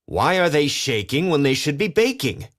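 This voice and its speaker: King Julian, a man as an excitable lemur king. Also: a little high, moderate pace, voice pushed up. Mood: angry. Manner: imperious, theatrical. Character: bossy, vain, excitable male cartoon lemur king.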